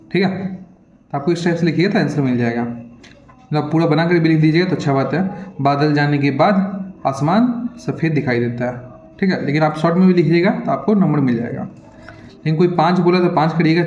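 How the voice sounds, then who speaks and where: A man with a slightly raised voice works through an exam paper as a teacher, reading each question and explaining the answer in a hurried, repetitive way. The sound is dull and lo-fi, bouncing around an echoey room. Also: a little high, a little mellow. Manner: repetitive, keeps checking in with "theek hai"; hurried, reads questions aloud then explains.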